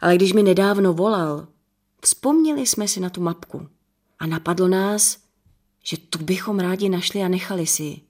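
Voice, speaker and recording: A woman's voice: fairly low pitch, darkish tone. Woman reading as sheepish man in his sixties. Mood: apologetic. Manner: sheepish, earnest explaining. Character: stocky apologetic village man in his sixties. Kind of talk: audiobook character reading.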